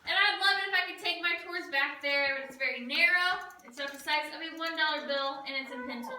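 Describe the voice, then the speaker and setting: A woman's voice: high voice, fast talker, pushed and bright, far from the mic. A woman working as a cave tour guide, giving semi-rehearsed tour narration with her voice echoing in the cave. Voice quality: cave echo on the voice. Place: inside a show cave. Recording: echoey cave, off-mic, faint noise.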